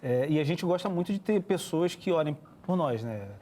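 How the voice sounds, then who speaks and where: A man's voice: a little high, expressive, moderate pace, mellow, a little hiss or hum. A man, hosting a casual devotional chat. His voice sits a little above the usual for men, and he speaks earnestly and reflectively, often restarting his sentences as he thinks aloud. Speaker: podcast host.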